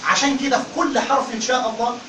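High, rapid-fire Egyptian man teaching a class. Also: roomy sound, recorded from a distance, background noise. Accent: Egyptian Arabic. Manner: animated, keeps calling on the class to answer. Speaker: Quran recitation teacher. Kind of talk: classroom lecture.

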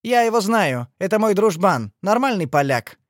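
A man's voice: sits high, very animated, normal speed, no room sound, studio quality, voice pushed up. A man doing a crude young street thug. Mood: rough. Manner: gruff, swearing, bossy.

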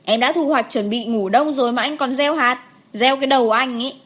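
A woman voicing a sulky, quick-tempered young mother in an audiobook, with a sharp, irritable way of talking. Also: sits high. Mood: irritated.

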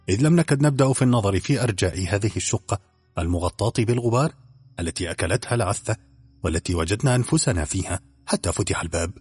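A man narrating an audiobook in an expressive storytelling manner. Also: lowish voice, slightly rough, no room sound.

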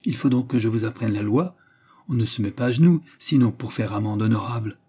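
A man's voice: on the low side, a little fast, mellow, husky. A man reading the part of a proud, defiant noblewoman prisoner, speaking with indignant outbursts.

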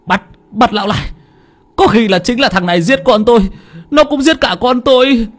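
A man narrating an audiobook while voicing a furious old village father who shouts threats and curses. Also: sits high, sing-song, moderate pace, pitched above the performer's own voice, exaggerated voice. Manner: shouting, cursing, commanding.

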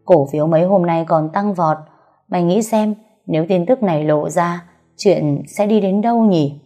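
A woman's voice: fairly low pitch, normal speed, warm tone, soft background music, close to an everyday voice. A woman voicing a smug, scheming young woman who taunts her rival in a sly, mocking tone, read from a story.

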